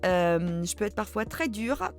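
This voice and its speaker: This middle-aged reading-channel host has a mid-range, sing-song voice and speaks at a measured pace with faint music behind her. She fields viewer questions in a relaxed, chatty way, often making fun of herself and filling pauses with hesitant sounds.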